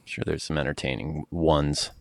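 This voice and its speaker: A man's voice: rumbling low, little pitch movement, moderate pace, vocal fry, no echo. A man co-hosting a podcast, easygoing in casual chat and laughing often. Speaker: podcast co-host.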